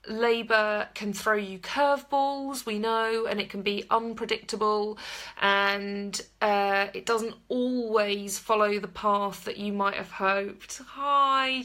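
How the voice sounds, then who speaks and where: British woman, casual live-stream chat, candid and sweary, bright clear voice, talking to camera. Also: medium pitch. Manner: candid, chatty, swears freely, many fillers. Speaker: birth practitioner hosting a live video.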